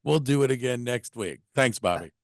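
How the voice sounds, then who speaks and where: A man's voice: mid-range voice, expressive, moderate pace, no room sound, studio quality. A man hosting a radio interview, wrapping up with friendly banter. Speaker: radio show host.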